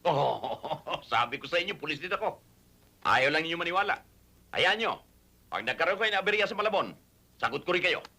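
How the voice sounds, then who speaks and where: An older man playing a cocky, blustery police officer who shouts orders. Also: fairly high pitch, expressive, a little fast, pauses often, full character voice. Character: brash older male cop, cocky tough-talking lawman.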